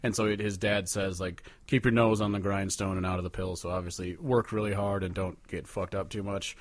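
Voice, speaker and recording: A low-voiced man talks briskly with fairly even intonation, co-hosting a podcast where he casually and profanely rambles about songs. The recording has no echo.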